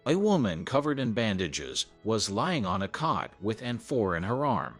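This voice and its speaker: A man's voice: fairly low pitch, big pitch swings, normal speed, husky. A man narrating a first-person story in an earnest, scripted way. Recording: soft background music.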